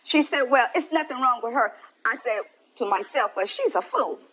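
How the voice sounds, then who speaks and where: An American woman testifies in a TV courtroom in a high, very animated voice. She tells her complaint with a plaintive, aggrieved air, slipping into the reported dialogue as she goes. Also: normal speed, slight background noise.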